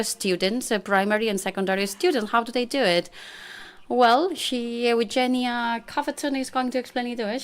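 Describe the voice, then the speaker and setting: A woman moderating an event introduces the next speaker in an encouraging way. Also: mid-range voice.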